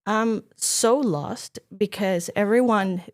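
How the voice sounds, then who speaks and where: A woman's voice: medium pitch, slow pace. A woman in her thirties from Venezuela, a native Spanish speaker with a Venezuelan Spanish accent, chatting as a podcast guest and telling her story with many fillers. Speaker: guest filmmaker. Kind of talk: casual podcast chat. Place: podcast studio room.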